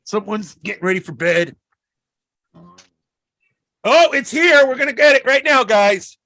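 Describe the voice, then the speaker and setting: A man hosting a casual live stream and talking excitedly to his viewers. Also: extremely high pitch, takes it slowly. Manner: excitable, addressing viewers directly.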